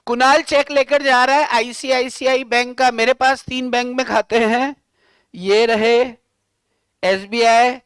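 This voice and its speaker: High-voiced, animated male law teacher. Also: clean tone, dry recording. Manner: animated, teasing, scolds students in coarse slang. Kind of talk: classroom lecture.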